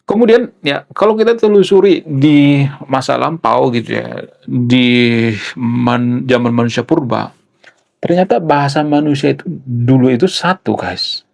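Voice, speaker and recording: A man's voice: medium pitch, measured pace, vocal fry, a little mellow. A man talking casually to camera, explaining things with rhetorical questions and frequent tag fillers. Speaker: vlogger explaining culture.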